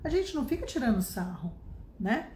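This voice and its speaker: Warm and a bit high, her voice has a sing-song lilt as she moves along at a moderate pace, with noticeable reverb around it. She's a Brazilian English teacher in her fifties with a Brazilian Portuguese accent, delivering an informal lesson full of chatty emphasis and tag questions.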